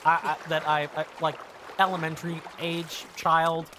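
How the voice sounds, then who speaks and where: Background noise accompanies a medium-pitched voice with little pitch movement and a moderate pace. The speaker, an American streamer in their thirties, keeps up casual let's-play chatter, rambling, correcting themselves and wondering aloud.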